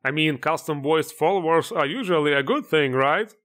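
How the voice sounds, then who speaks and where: A man's voice: on the high side, a little fast, fairly bright tone. A man narrating a scripted game mod review in a sarcastic, exasperated, foul-mouthed manner.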